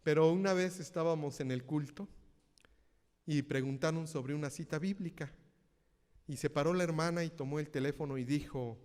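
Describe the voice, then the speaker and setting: A man's voice: on the high side, darkish tone, in a large hall. A male minister with a Mexico City accent preaching a sermon, often turning to ask the congregation questions. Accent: Mexico City Spanish. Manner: interactive, asks congregation questions.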